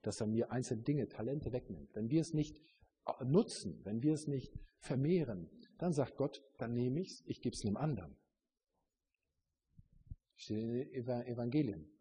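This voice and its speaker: A man's voice: mid-range voice, animated, moderate pace, mellow, husky. A man preaching a sermon in an earnest, searching way, with many fillers and restarts.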